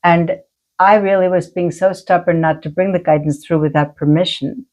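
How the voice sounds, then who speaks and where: A woman's voice: on the low side, level tone, moderate pace, a little mellow. A middle-aged woman, a healer and medium, chatting and telling stories, acting out the voices she quotes. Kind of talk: casual chat, storytelling.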